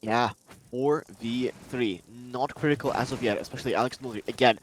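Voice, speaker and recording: Male esports analyst, halting delivery. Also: mid-range voice. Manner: hesitant, many fillers and restarts, rises to excitement on plays. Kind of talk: color commentary. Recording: noisy game stream with gunfire.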